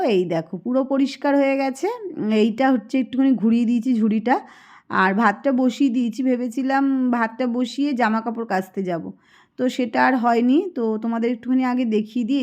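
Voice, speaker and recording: A woman's voice: fairly high pitch, a little mellow. A woman in her thirties from Kolkata with a Kolkata Bengali accent, chatting casually to viewers as she does chores at home. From Kolkata, India. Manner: chatty, homely, running commentary on chores. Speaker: vlogger. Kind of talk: casual home vlog narration. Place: home, indoors.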